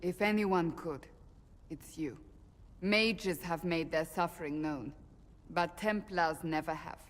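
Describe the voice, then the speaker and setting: An actress voices a blunt, principled woman warrior of a holy order in a dramatic game role, firm, formal and matter-of-fact, with a grave, persuasive mood. Her voice is fairly low and she speaks slowly, with long reverb on the recording.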